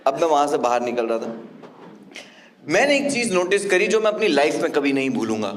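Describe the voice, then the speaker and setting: Animated man doing stand-up comedy. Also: on the high side, fairly quick, a little hiss or hum. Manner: animated, shifts from loud punchlines to quiet somber telling. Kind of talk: stand-up storytelling. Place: comedy stage before a laughing audience. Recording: echoey live venue with faint ambience.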